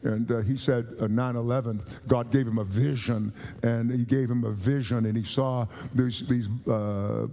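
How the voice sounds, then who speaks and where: A man from the United States preaches a sermon in an earnest voice. His tone is dark and mellow, and he often repeats and restarts phrases and slows down for emphasis. The sound carries a long reverb from a church sanctuary. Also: medium pitch, steady tone.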